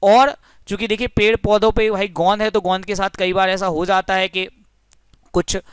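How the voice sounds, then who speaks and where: A man's voice: high voice, little pitch movement, normal speed, smooth, no room sound, clean studio sound. A young man teaching a physics lesson through a story, friendly and explanatory, often addressing the listeners as friends.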